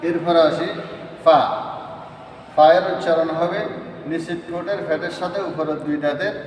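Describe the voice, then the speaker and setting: A man's voice: fairly high pitch, steady tone, normal speed, a little mellow, a little hiss or hum. A man teaching Quran letter pronunciation in a lesson. He goes step by step and repeats each letter three times. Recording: echoey hall from far off.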